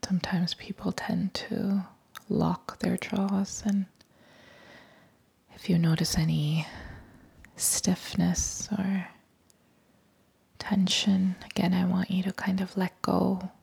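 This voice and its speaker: Female meditation guide, whispered delivery, very slow pacing, breathy and gravelly texture. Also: lowish voice. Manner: soft whispering throughout, calm and unhurried.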